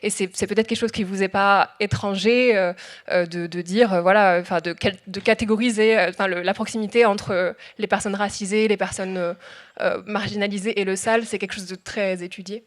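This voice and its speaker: A woman's voice: medium pitch, steady tone, brisk. A woman speaking as a panel guest, hesitant, with many fillers and restarts. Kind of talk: panel discussion talk.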